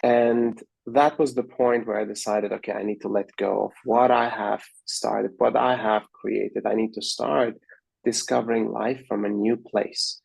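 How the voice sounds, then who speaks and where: Gravelly, husky man telling his story. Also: fairly low pitch, steady tone, a little slow, darkish tone, no room sound, poor audio. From Austria. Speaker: guest. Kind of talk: reflective interview storytelling.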